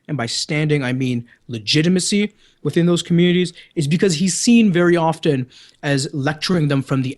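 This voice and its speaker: A man with a Canadian accent, a guest on a podcast, arguing his case insistently. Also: a little high. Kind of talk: debate-style interview.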